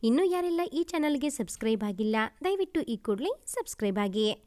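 A woman narrating a first-person love story in a steady, even reading voice, then asking listeners to like and subscribe. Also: fairly high pitch, a little fast.

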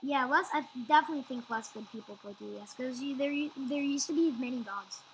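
A woman's voice: high voice, a little hiss or hum, low-quality recording. Chatty young-sounding woman gamer. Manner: chatty, quick to agree, trails off mid-sentence. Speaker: gameplay channel co-host. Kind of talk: casual gameplay chat. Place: at home playing on a computer.

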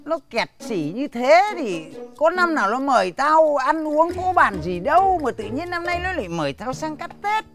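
Old village chief in a comedy film: bossy, scolding, swinging pitch. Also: male voice, big pitch swings, normal speed, few pauses, a bit bright, faint music behind, exaggerated voice. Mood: gruff. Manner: bossy, scolding, full of grunts. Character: grumpy old male village chief, stingy and boastful. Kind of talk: slapstick comedy film acting.

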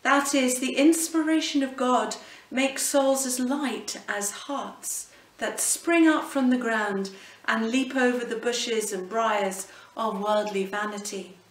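A middle-aged woman, a cathedral canon, giving a reflective devotional talk with slow, gently emphatic delivery, speaking at medium distance from the camera in an indoor hallway. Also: fairly high pitch. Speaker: cathedral canon presenting a series. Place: indoor hallway at the foot of a staircase. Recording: roomy echo, voice a little off-mic.

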